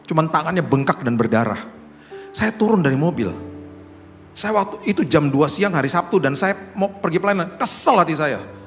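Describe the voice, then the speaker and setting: A male pastor telling a sermon story with lively sound effects and acted asides. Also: a little high, normal speed. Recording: echoey hall with faint music.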